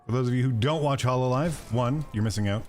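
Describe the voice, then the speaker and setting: A man's voice: medium pitch, fast, faint music behind. A man streaming a video game, chatting casually and joking with viewers while he plays. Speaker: gaming streamer. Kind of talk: casual gameplay commentary.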